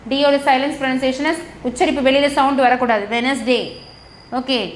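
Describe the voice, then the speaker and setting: A woman's voice: high voice, steady tone, brisk. A woman with a Tamil accent teaching a lesson to young children. She switches between Tamil and English and spells out words letter by letter. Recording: echoey room with faint noise.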